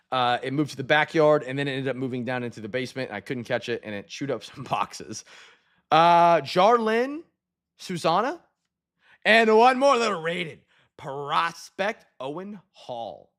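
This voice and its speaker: A man hosting a live trading card break, rattling off player names with excited bursts. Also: mid-range voice, moderate pace.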